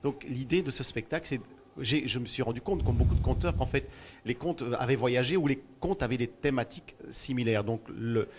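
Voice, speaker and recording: A man born in Belgium, a storyteller by profession, responds thoughtfully to an interviewer at an outdoor festival, speaking fairly quickly in a medium pitch over background noise. Repeated words fill the gaps as he hunts for what comes next.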